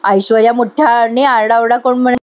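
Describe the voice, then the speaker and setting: Chatty woman narrator, high-pitched, lively, speaks straight to viewers. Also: brisk. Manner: lively, addresses viewers, laughs at scenes. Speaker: serial recap narrator. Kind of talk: chatty storytelling recap.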